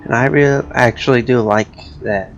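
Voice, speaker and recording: A man's voice: mid-range voice, normal speed, vocal fry, lo-fi sound. A man giving casual, off-the-cuff commentary as he plays a video game, with game music behind him. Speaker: let's play commentator.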